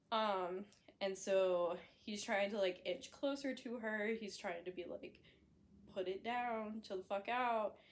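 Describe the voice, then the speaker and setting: A young woman talks through a horror story in an easy, chatty way at a mid pitch. She corrects herself as she goes and fills gaps with likes and ums. She is blunt and swears now and then. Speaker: book reviewer. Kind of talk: casual book recap.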